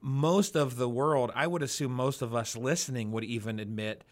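A man's voice: medium pitch, fairly even intonation. A man co-hosting a podcast, talking in a reflective, conversational way. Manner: conversational and reflective, with quick laughs. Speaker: podcast co-host. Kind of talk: casual podcast chat.

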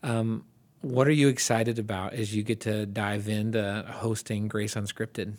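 A man's voice: on the low side, level tone, unhurried. A man hosting a faith podcast, interviewing a guest in an encouraging, affirming way. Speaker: podcast host.

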